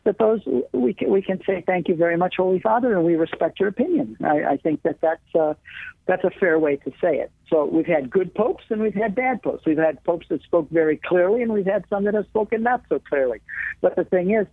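Man, husky voice, over the phone, tinny dry line, earnest, explaining like a teacher. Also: high voice, dry recording. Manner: earnest, lecturing, eager to explain. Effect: heard over a phone line. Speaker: radio show guest. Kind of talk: call-in radio explanation.

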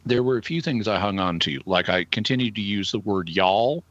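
Bright-voiced man with an Arkansas accent. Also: lowish voice, no room sound, muffled recording. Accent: Arkansas Southern American. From Arkansas, United States. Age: middle-aged. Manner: deliberate, halting, analytical. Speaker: guest answering listener questions. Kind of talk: conversational explanation.

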